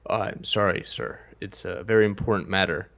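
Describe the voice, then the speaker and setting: A man's voice: sits low, normal speed, gravelly, fairly bright tone. A man voicing an adventurer who poses as a guard, apologetic and hesitant. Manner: apologetic, deferential, hesitant fillers. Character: male adventurer posing as a deferential guard.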